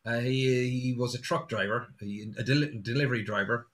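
A man with a west of Ireland accent talks in a bright, forward voice at a middling pitch. He is a musician in a casual interview, telling anecdotes in an unpolished, conversational way. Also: normal speed. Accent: west of Ireland, Sligo. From Sligo, west of Ireland.

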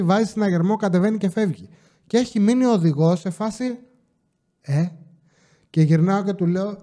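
Man with a warm, high voice telling stories. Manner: swears casually, quotes people in exasperated retellings. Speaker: podcast host telling stories from his security job. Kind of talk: casual storytelling monologue.

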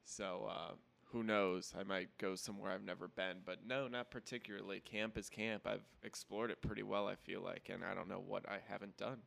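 A man co-hosting a podcast in casual chat, with a gravelly, creaky voice. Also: on the low side, steady tone, brisk, few pauses, fairly bright tone. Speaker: podcast co-host.

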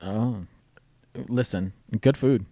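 A man co-hosting a podcast in casual chat, throwing out sassy, deadpan teasing comebacks. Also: lowish voice, takes it slowly, no echo, clean studio sound. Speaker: podcast co-host.

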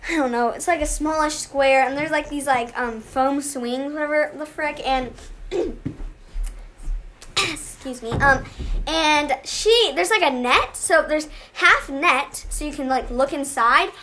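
A young woman with a high voice tells a story among friends. She rambles, stopping and restarting with plenty of fillers, in a relaxed, casual way. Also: unhurried, slight background noise.

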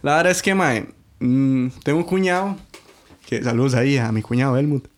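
A man's voice: mid-range voice, a little fast, noisy background. A young man with a Costa Rican accent, telling a rambling story in casual chat and saying "mae" over and over. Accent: Costa Rican Spanish. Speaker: podcast co-host. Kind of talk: casual chat among friends.

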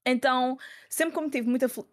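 A woman's voice: high voice, steady tone, a little fast. A woman in her twenties from Lisbon with a European Portuguese accent touched by northern Portugal, chatting frankly as a guest in a casual interview and often restarting her sentences. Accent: European Portuguese, Lisbon with northern Portuguese influence. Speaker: guest streamer.

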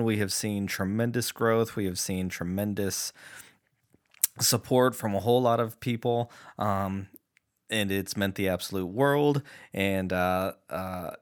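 A man hosting a podcast, talking casually and upbeat with plenty of filler words. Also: fairly low pitch. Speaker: podcast host.

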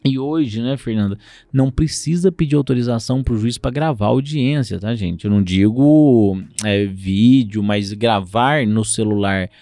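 A Brazilian lawyer speaks at a normal pace in a medium-pitched voice during a conversational interview, animatedly acting out courtroom exchanges as he explains. There is no echo.

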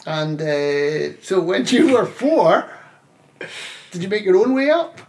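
Guy hosting his podcast, high voice, crackly fry, short friendly questions. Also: sing-song, takes it slowly, darkish tone. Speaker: podcast host. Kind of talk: casual interview chat.

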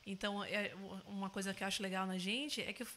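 A woman's voice: mid-range voice, fairly even intonation, fast talker, a bit bright, slight background noise. A woman chatting frankly as a podcast guest, quoting what she says to her husband. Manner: frank and direct, quotes herself in dialogue. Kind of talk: casual podcast chat.

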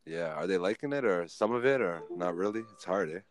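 A man's voice: low-pitched, animated, a little fast, rough recording. A man in his forties hosting a casual podcast chat, laid-back and teasing, laughing often. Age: 40s.

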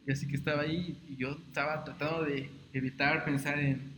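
A young man telling a personal story in a casual podcast chat, rambling and halting, often repeating words. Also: a little high, level tone. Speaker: podcast co-host. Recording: roomy echo, noisy background.

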